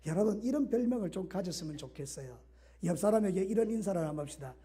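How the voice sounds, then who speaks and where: A middle-aged male pastor preaching a sermon, swinging from loud exhortation to soft asides. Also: high voice, animated, fast. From Korea.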